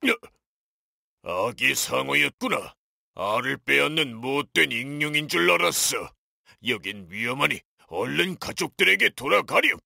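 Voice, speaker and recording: A low, very gravelly dinosaur in a children's cartoon. It is fierce and protective yet kind underneath, with swooping, forceful delivery. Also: female voice, animated, unhurried, no echo, studio quality, exaggerated voice. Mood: gruff, kindly. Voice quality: gravelly, rough.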